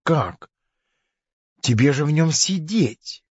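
A man's voice: on the high side, animated, slow pace, a little mellow, slightly rough, no echo, exaggerated voice. An actor playing a smug, greedy male crocodile in a children's audio play, sly and chuckling. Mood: smug teasing. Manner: sly, chuckling, lazy drawl. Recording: slightly dull recording.

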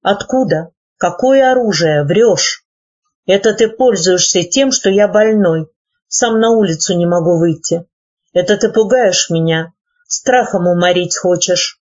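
Sick old rich uncle voiced by a woman reader, gruff, firm, husky, muffled lo-fi sound. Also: lowish voice, unhurried, a little mellow. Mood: angry. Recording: dull lo-fi recording.

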